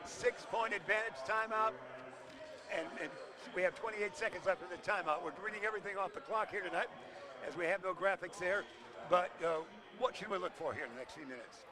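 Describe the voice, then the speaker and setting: Play-by-play guy calling a high school ball game, kinda high voice, fast excited calls, gym noise. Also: a crowd in the background. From Illinois. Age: older. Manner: rapid excited calls, chatty asides. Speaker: play-by-play announcer.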